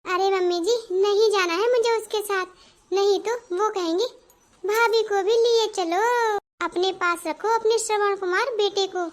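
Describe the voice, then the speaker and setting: A woman voicing a headstrong young bride in a cartoon, talking back sharply in a very high voice. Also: fairly even intonation, unhurried. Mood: defiant. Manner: defiant, talks back sharply. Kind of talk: Hindi cartoon voice acting.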